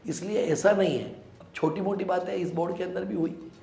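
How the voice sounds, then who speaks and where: Politician from Rajasthan, gravelly, emphatic and defensive, in a roomy echo with faint noise. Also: male voice, high voice, steady tone, brisk, dark tone. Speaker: local politician, interview guest. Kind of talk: sit-down interview answers.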